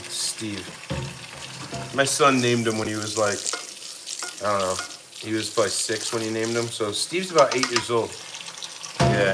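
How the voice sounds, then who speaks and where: There's background noise behind this mid-range male voice. He's a middle-aged host on a casual home livestream, feeding the dogs, reading chat aloud, and laughing without effort.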